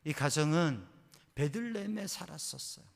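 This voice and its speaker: A male pastor preaches in a somewhat high voice, moving from hushed narration to fervent appeals. A long, echoing reverb fills the church sanctuary around him. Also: expressive, normal speed, gravelly. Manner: swings between hushed and fervent. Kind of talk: sermon.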